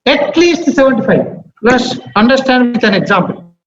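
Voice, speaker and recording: High-pitched man with a Telugu accent, teaching. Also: animated, normal speed. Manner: repeats himself, checks understanding with short questions. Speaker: statistics teacher. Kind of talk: interactive lecture. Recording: muffled, echoey, noisy room recording.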